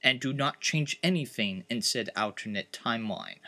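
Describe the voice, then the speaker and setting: A man voicing an eccentric male time-travel scientist who patiently lays out rules in a calm, explaining manner. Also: mid-range voice, normal speed, pitched below the performer's own voice. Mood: calm, lecturing. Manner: calm, explanatory, earnest rule-giving.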